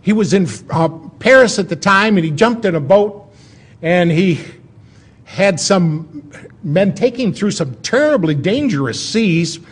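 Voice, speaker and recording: A man giving an informal history lecture as a storyteller, in a folksy, conversational way with dramatic pauses. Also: high voice, expressive, breathy edge.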